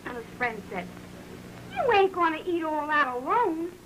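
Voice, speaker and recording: A woman's voice: high-pitched, very animated, moderate pace, a bit bright. An actress playing a slangy, playful young working-class American woman in an early talkie. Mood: playful, chatty. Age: young adult. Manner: slangy, chatty. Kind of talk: early talkie film acting. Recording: noisy old film soundtrack.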